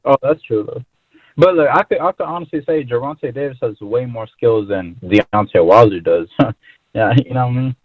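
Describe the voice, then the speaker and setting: A man calls in over a choppy, bad phone connection, his voice squeezed thin and tinny with no room around it. He talks loosely and rambles, dropping "bro" into nearly every thought. His pitch sits in an ordinary middle range. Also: normal speed, dry recording. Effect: phone line with choppy, bad connection. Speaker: caller. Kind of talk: casual call-in chat. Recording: tinny, dry phone line.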